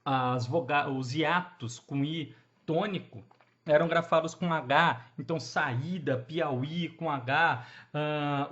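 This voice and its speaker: A man with a Brazilian Portuguese accent explains grammar in an informal online lesson. His voice sits somewhat high for a man. He keeps checking in with the viewer and tosses out rhetorical questions, and the recording sounds dull and lo-fi. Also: fairly bright tone. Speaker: grammar teacher.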